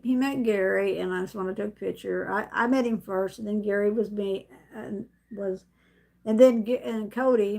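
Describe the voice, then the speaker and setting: Her voice is mid-range and creaky. A middle-aged vlogger on her own live stream at home, she tells a story to the camera before her, rambling and chatty, laughing often and restarting sentences.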